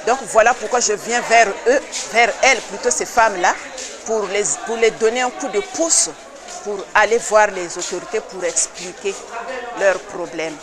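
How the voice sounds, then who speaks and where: A woman from the Republic of the Congo, president of an association, answering interview questions earnestly and insistently, with hesitant pauses. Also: mid-range voice, a crowd in the background.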